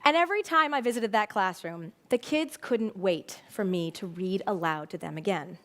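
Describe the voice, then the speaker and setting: A woman in her forties, an educator, giving a prepared talk on stage in an expressive, storytelling manner. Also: medium pitch, normal speed. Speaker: educator and speaker. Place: stage before a live audience.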